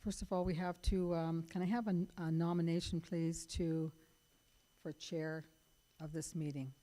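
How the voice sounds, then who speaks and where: A woman opening and running a church annual meeting at a microphone, halting with fillers and restarts. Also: lowish voice, fairly even intonation, mellow. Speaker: meeting organizer. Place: church sanctuary. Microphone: microphone with sound trouble. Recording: long church reverb, faint noise.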